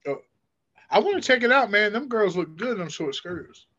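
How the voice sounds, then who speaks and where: A brash, joking man trading crude banter over a video call. His voice is bright and forceful and sits a little high. The call audio is muffled and lo-fi. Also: very animated, moderate pace. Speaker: podcast co-host.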